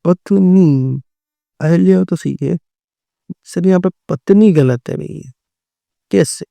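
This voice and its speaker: Taking things slowly, this teacher has a high-sitting, mellow voice with vocal fry and no room sound around it. In his Hindi exam-prep class he works through multiple-choice answers, often repeating words and answers and dropping in "theek hai" and "right".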